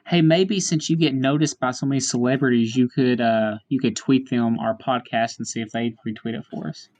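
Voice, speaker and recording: A man's voice: medium pitch, steady tone, a little fast, a little mellow. A man hosting a casual chat podcast in a small room, joking and plugging the show. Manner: jokey, wraps up with plugs. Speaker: podcast host.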